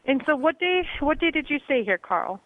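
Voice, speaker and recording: A woman's voice: high voice, very animated, normal speed. Reassuring woman over a tinny phone line. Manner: patient, reassuring. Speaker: hotel front desk staff.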